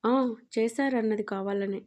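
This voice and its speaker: Woman reading teasing young wife, audio story, playful and coaxing, higher pitched. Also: unhurried, a little mellow, natural voice. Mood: evasive.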